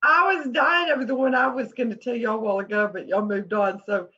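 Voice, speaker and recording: A woman's voice: fairly high pitch, fairly quick, sharp tone, slightly rough, lo-fi sound. A woman co-hosting a casual chat.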